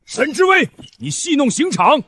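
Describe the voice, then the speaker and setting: A man voicing a lowly, nervous executioner who speaks hesitantly and pleadingly in an animated drama. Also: moderate pace, vocal fry, full character voice. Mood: wary.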